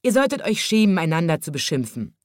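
A woman voicing a kind, patient young male zookeeper in a storybook, speaking firmly yet gently. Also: lowish voice, very animated, fast, no echo, clean studio sound. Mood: admonishing.

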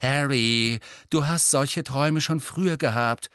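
A man voicing a clever, bossy teenage girl who talks in a brisk, lecturing way. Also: medium pitch, a bit bright, clean tone, no echo, studio quality, voice pushed up, natural voice. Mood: sharp.

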